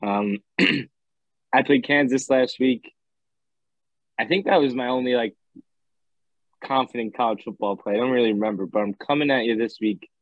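A man's voice: medium pitch, moderate pace, long pauses, no echo, narrow, tinny audio. A man on a casual college football betting podcast, laid-back and rambling as he explains his picks. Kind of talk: casual sports betting chat.

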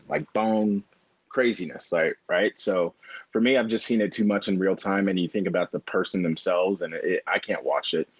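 A man's voice: low-pitched, breathy edge, no room sound. A man co-hosting a sports podcast, speaking thoughtfully with loose fillers. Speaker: podcast co-host. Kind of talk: casual sports chat.

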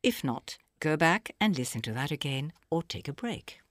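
A woman narrating a scripted audio language lesson, explaining phrases slowly and clearly for the listener to repeat. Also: low voice, very animated, over loud music. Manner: slow, clear teaching delivery with pauses for repetition.

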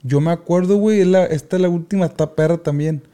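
Excitable man telling stories. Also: fairly high pitch, quick pace, clear, resonant tone. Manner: animated slangy storyteller, loud outbursts. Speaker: podcast co-host. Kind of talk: casual storytelling chat.

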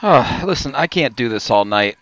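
A man improvising a comedy sketch, exasperated and deadpan. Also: mid-range voice, moderate pace, muffled recording. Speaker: comedy podcast co-host.

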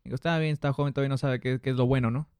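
A man's voice: mid-range voice, racing, clear, resonant tone, no room sound, clean studio sound. Northern Mexican man, slangy podcast storyteller. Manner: animated retelling with acted-out quotes and street slang. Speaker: podcast host. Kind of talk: casual slangy podcast chat, telling anecdotes.

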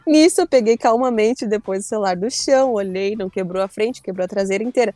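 A young woman telling a story in a casual chat, animated, acting out her own shouts and quotes. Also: medium pitch, fast talker, no echo, soft background music. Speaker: storyteller guest.

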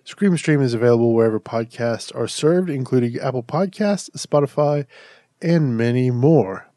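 Animated yet speaking at a normal speed, a man chats through a casual horror review podcast, rambling and restarting sentences. His medium-pitched voice is mellow and a little nasal, as though blocked up by allergies. The sound is close and dry, with no room around it.

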